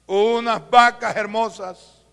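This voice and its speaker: High-voiced Colombian preacher with gravelly fry. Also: male voice, steady tone. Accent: Colombian Spanish. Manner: storytelling preacher, slows and drops to a hush for quoted lines. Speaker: pastor. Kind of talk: sermon with acted-out dialogue. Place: church. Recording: live church recording, long hall reverb.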